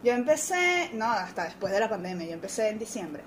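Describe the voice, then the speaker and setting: A young woman in casual conversation, telling things about herself in an informal, animated way. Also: medium pitch, a little fast. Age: young adult. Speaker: podcast guest. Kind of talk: casual chat. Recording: echoey room, clear background noise.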